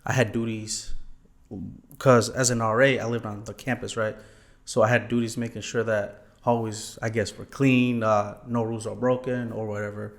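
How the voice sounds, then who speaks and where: Polite young man, low voice. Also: little pitch movement, normal speed. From Thailand. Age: young adult. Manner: polite, answers with yes sir and many ums. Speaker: guest, former college student. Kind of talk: casual interview answers.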